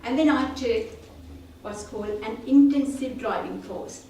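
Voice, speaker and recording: Her voice leans high, warm and unhurried, as this Sri Lankan club speaker tells her story in a prepared, earnest, self-deprecating speech. The meeting room sounds like a roomy hall, recorded with a distant mic and slight background noise.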